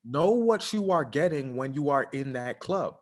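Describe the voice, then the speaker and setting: Slightly high and lively in intonation, this man speaks at a normal speed as a podcast co-host. He chats casually while giving relationship advice, sounding preachy and earnest and using lots of fillers.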